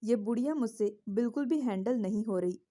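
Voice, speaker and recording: A scheming young woman whines and complains, sly underneath, as a woman reads her in a storybook. The voice stays warm and dark. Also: fairly high pitch, a little fast, lightly acted. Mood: complaining.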